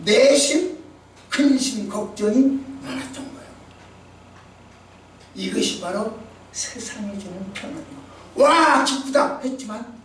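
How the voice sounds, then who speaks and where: A man's voice: very high voice, slight background noise. A male pastor preaching a sermon, emphatic and dramatic, acting out quotations as he goes. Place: church sanctuary. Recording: echoey church hall, distant mic.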